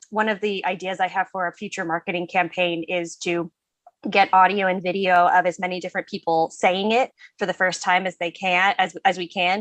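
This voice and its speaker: A woman guest in a casual podcast interview, an animated storyteller who often restarts her phrases. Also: fairly low pitch, dry recording. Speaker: spirits company founder, guest.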